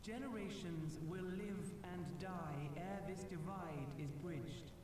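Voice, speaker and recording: An actor's slow, echoing ancient dragon. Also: mid-range voice, background noise, lightly acted. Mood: solemn. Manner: archaic, stately, formal speech. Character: ancient solemn dragon pleading for peace between peoples. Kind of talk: fantasy video game voice acting. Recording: heavy echo, distant, music behind.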